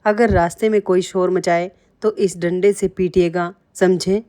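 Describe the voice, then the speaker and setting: Clever shrewd wife, woman narrator reading, storybook, firm, instructing, lowish. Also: steady tone, unhurried, warm tone, natural voice.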